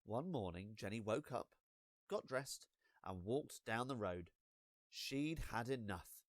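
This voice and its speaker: A man with a mid-range voice narrates a children's storybook expressively, drawing out words and pausing deliberately for drama. There is no echo on the recording.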